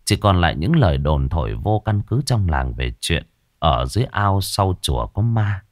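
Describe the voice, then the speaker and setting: A man's voice: deep voice, big pitch swings, moderate pace, dry recording, clean studio sound. A man narrating a ghost story in a dramatic storytelling manner.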